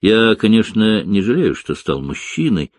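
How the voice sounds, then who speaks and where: A theatrical, lovestruck man who sighs out his feelings, as an audiobook reader voices him. His voice drops low and soft, and he draws the words out slowly. The recording is dry and close. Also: sing-song, no room sound. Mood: rueful.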